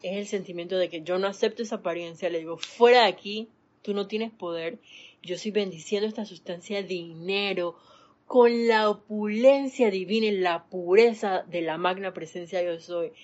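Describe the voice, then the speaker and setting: A woman's voice: medium pitch, moderate pace, a little mellow. A woman giving a spiritual talk on a live stream, animatedly acting out everyday scenes as she teaches. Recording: dull lo-fi sound, faint background noise.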